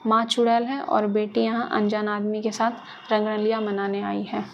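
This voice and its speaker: A woman's voice: mid-range voice, completely flat delivery, moderate pace, gravelly, dull audio, slight background noise, close to an everyday voice. A woman voicing a harsh small-town female police inspector who speaks curtly and bossily. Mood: scolding. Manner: curt, bossy, scolding.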